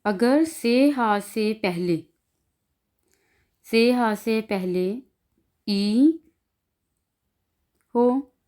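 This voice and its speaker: Very slow-spoken woman teaching pronunciation. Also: a little high, a little mellow. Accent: Pakistani Urdu. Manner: slow, drawn-out, repeating each example sound. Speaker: language teacher. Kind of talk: online class explaining pronunciation.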